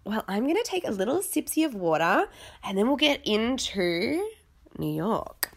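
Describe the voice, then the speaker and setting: A woman's voice: fairly high pitch, sing-song, moderate pace, creaky. A young adult woman hosting a podcast, chatting casually about reality TV in a rambling, self-deprecating and exclamatory way. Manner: dramatic, exclamatory. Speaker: podcast host.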